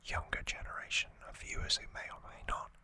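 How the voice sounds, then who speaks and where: An ASMR host keeps things quiet and breathy, recapping at a calm, unrushed pace in a casual way, with chatty asides mixed in.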